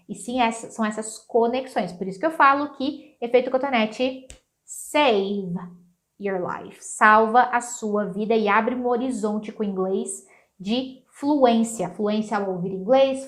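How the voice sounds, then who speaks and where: A young Brazilian woman with a Brazilian Portuguese accent, teaching an English lesson in an upbeat way and repeating phrases slowly. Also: medium pitch.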